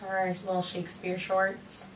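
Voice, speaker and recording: A woman's voice: mid-range voice, monotone, unhurried, a little hiss or hum. A young woman co-hosting a theater review in casual chat, wry and joking. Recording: roomy room sound from a distant mic.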